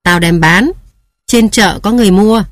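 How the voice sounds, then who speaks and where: A woman's voice: mid-range voice, moderate pace, no echo, clean studio sound, natural voice. A woman reading aloud voices a blunt, scheming aunt who talks in curt, scolding phrases. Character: blunt scheming hungry aunt, sharp-tongued.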